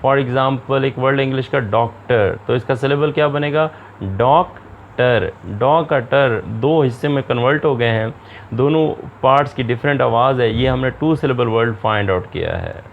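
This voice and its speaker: A man giving a recorded lecture, reading out English lines slowly, then explaining them quickly in his own words. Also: mid-range voice, gravelly, phone-quality sound, slight background noise.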